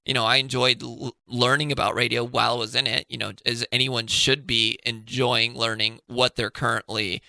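A man's voice: mid-range voice, level tone, normal speed, creaky, few pauses, pushed and bright, no room sound. A man chatting casually as a podcast guest, rambling and swearing, trailing off and restarting his sentences. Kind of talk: casual chat.

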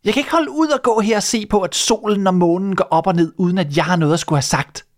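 A man voicing a greedy, domineering wife in a fairy tale reading, shrill and demanding. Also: big pitch swings, darkish tone, no room sound, clean studio sound. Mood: furious.

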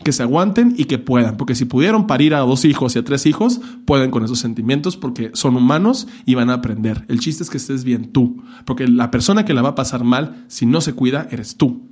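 A man's voice: medium pitch, animated, fairly quick, few pauses, darkish tone, breathy edge. Frank, profane Mexican man. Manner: frank, profane, earnest advice with campy asides. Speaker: podcast guest telling his coming-out story. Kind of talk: casual chat.

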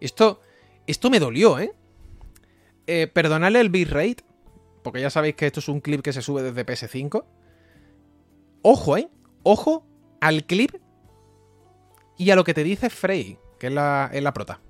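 Animated young man from Spain. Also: a little high, measured pace, pauses often, dry recording, soft background music. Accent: Spain Spanish. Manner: animated, joking, with frequent laughs and repeated exclamations. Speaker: streamer reading live chat. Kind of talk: casual livestream chat.

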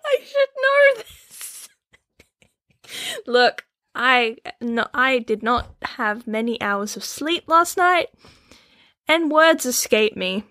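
A woman co-hosting a casual comedic chat, playful and quick to laugh. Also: fairly high pitch, pushed and bright. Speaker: co-host.

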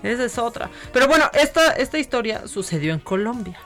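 A woman's voice: fairly high pitch, sing-song, fairly quick, fairly bright tone, faint music behind. A Mexican woman co-hosting a casual gossip chat, playful and acting out pet names in mock voices. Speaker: co-host.

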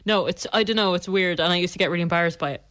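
A woman's voice: lowish voice, rapid-fire, a bit bright, dry recording, clean studio sound. An Irish woman co-hosting a radio show, chatting casually and laughing often. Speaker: radio co-host.

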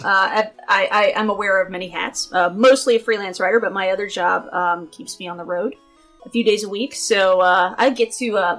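A woman's voice: mid-range voice, fairly bright tone. A woman from Tennessee with a Southern Tennessee accent, chatting casually on a podcast in a rambling, self-interrupting way. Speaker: podcast guest or panelist.

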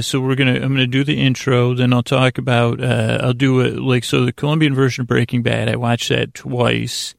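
With a creaky, mid-range voice, a male sleep podcast host lulls listeners through a hesitant, wandering bedtime monologue, correcting himself along the way. The recording is dry and studio quality.

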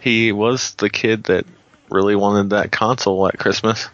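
A man's voice: lowish voice, steady tone, unhurried, a bit bright, no room sound, highs cut off. A man co-hosting a comic book podcast in a laid-back, casual chat, murmuring agreement often. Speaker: podcast co-host.

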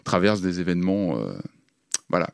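A man's voice: deep voice, sing-song, fairly quick, creaky, smooth, no room sound, studio quality. A man co-hosting a podcast in casual chat, hesitant and searching for his words. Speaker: podcast co-host.

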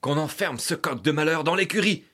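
A woman's voice: low-pitched, a little fast, a bit bright, pitched below the performer's own voice. A woman voicing a curt, commanding king in a storybook reading. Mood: angry. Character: cranky grown man king.

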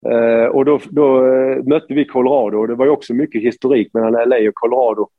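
A man from Sweden, a former hockey player, telling an animated anecdote with many restarts. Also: mid-range voice, dry recording, narrow, tinny audio. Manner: animated storyteller, many restarts, quotes others.

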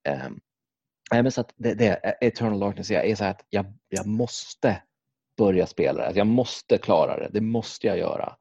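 A man's voice: lowish voice, lively intonation, gravelly, warm tone, husky, dry recording, dull audio. A man chatting casually, rambling through stories with lots of fillers, restarts and swearing. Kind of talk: casual chat about video games.

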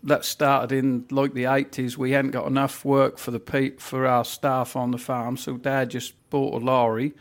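A man's voice: mid-range voice, flat delivery, moderate pace, few pauses. A middle-aged man with a Norfolk accent, chatting casually as an interview guest in plain-spoken dialect. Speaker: interview guest, family farm worker.

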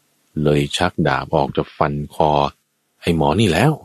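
A man preaching a Buddhist sermon as a lively story, addressing his listeners and acting out the characters. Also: normal speed, no echo. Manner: lively storyteller, acts out quoted characters with sudden high shouts. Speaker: dharma preacher.

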